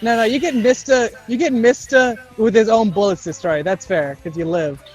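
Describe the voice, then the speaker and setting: A young man co-hosting a podcast trades loose, improvised banter, cracking jokes, swearing, and acting out snippets of dialogue. His voice is high and his pace normal, with faint music behind him on a rough recording.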